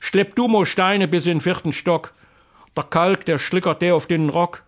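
A man's voice: high voice, steady tone, moderate pace, pitched above the performer's own voice, natural voice. Man doing a whiny grumbling laborer. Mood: whining. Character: grumbling working-class man complaining about labor.

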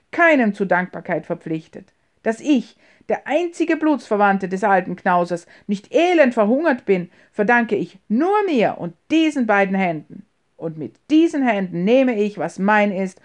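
A woman playing a loud scornful American heir. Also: on the high side. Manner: loud, mocking, sprinkles English words. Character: brash scornful American heir, grown man. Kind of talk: audiobook character reading.

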